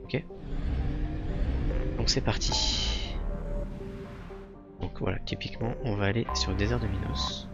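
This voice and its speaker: A man's voice: fairly low pitch, fairly even intonation, measured pace, long pauses, highs cut off, over loud music. A man hosting a let's play, commenting casually and thinking aloud in a hesitant, improvised way. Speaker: gaming video host.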